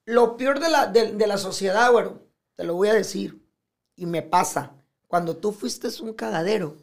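Gravelly Mexican man, animated and profane. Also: high voice, moderate pace. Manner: animated, profane, acts out quoted speech. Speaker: podcast guest. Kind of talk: casual podcast conversation.

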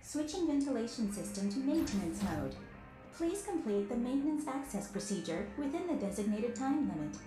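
A woman's voice: fairly high pitch, very animated, normal speed. A woman voicing an automated facility system that reads robotic, formal error announcements over a public-address system. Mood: announcing. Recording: echoey game audio over music. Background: game music.

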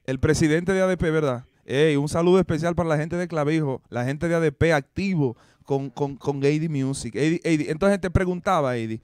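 Lively dominican tv host, man. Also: fairly high pitch, brisk, hardly any pauses, clear, resonant tone, no room sound, studio quality. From Dominican Republic. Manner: lively, cheering interjections. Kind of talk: casual interview chat. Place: TV studio with green backdrop. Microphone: handheld mic.

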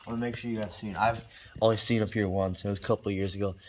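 A man's voice: fairly low pitch, fairly even intonation, rapid-fire, darkish tone. A nervous young man narrating a casual exploring vlog in slangy, repetitive phrases. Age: young adult. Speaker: vlog host. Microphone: handheld phone. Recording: very noisy handheld phone recording.

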